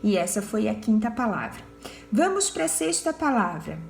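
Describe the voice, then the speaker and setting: A woman's voice: mid-range voice, big pitch swings, moderate pace, gravelly, roomy sound, faint music behind. A Brazilian woman teacher giving word clues to children in a recorded lesson, patient and repeating herself. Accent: Brazilian Portuguese.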